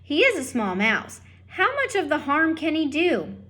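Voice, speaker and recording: A vain, theatrical mother mouse with a thick French accent waves off every worry in a haughty, dismissive tone, as a woman reading aloud puts her on. The voice sits a touch high and comes out loud and pushed. It is a storybook reading. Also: wildly swooping pitch, measured pace, exaggerated voice. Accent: French, put on. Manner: haughty, dismissive, broken grammar.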